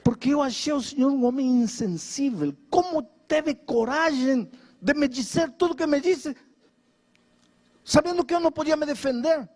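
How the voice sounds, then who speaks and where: A man's voice: very high-pitched, normal speed, darkish tone, pitched above the performer's own voice. A man voicing a bedridden young man who is bitter, then humbled, and whose voice rises in anger. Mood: humble, earnest.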